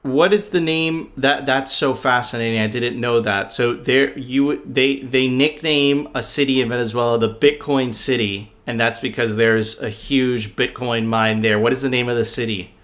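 A man from Miami hosting a podcast, chatting casually with quick reactions and rhetorical questions. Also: mid-range voice, fairly even intonation, fairly bright tone. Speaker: podcast host.

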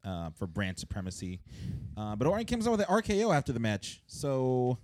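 A man's voice: mid-range voice, sing-song, brisk, darkish tone, no room sound, clean studio sound. A man co-hosting a casual wrestling chat, joking and recapping the week's matches, his voice a little sore. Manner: jokey, runs through the week's news. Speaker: podcast co-host.

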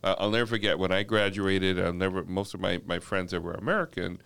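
Gravelly, animated man telling stories. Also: low-pitched, quick pace. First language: not English. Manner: animated, repeats words, laughs while telling stories. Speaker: guest speaker. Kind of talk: storytelling podcast guest.

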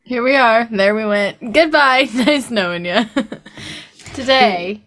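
A woman's voice: on the high side, slow, fairly bright tone. A woman co-hosting a podcast in casual comedy banter, playful and crude. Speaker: podcast co-host.

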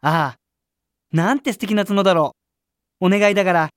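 A woman voicing a greedy, sly male deer in a children's storybook reading, talking in a gruff, coaxing way. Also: mid-range voice, moderate pace, no echo, clean studio sound, pitched below the performer's own voice, close to an everyday voice. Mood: envious. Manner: gruff and coaxing, then mocking.

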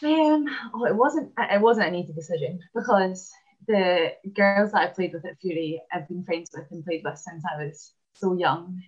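In a casual interview full of "um" pauses, a Scottish dentist and basketball player in her twenties talks about herself. She has a lowish, breathy-edged voice, and the audio sounds dull.

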